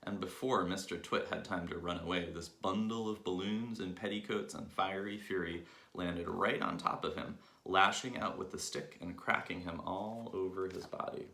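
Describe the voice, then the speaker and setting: A man reading a children's book aloud with lively, expressive storytelling, in an echoey room. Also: low-pitched, normal speed, gravelly, hardly any pauses. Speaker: reader.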